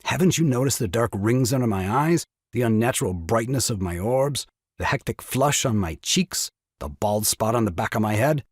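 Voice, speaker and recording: An actor in an audio farce plays a self-pitying, exasperated new father, delivering his lines with grandiloquent, melodramatic woe. His mid-range voice is husky and expressive at a normal speed. The studio-quality recording has no echo.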